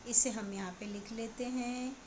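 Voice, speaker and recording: A woman teacher giving an online class to young children, spelling words out slowly sound by sound. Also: a little high, fairly even intonation, darkish tone, a little hiss or hum. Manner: slow, sound-by-sound spelling aloud. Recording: slightly dull, lo-fi recording.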